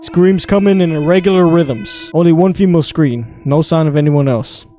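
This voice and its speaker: Mellow-voiced man reading stories crudely. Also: fairly high pitch, normal speed, faint music behind. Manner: crude, joking, reads in clipped green-text style. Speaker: podcast host. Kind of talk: casual reading of online stories.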